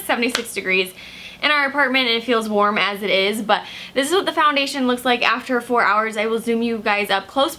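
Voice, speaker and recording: A young woman talking casually to her camera, pitched a little high with a bright, forward tone. She rambles in a relaxed, chatty way, dropping plenty of "like"s as she checks in with viewers. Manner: chatty, filler-heavy with many "like"s. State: slightly hoarse, just woken from a nap. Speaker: makeup vlogger. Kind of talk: casual video check-ins.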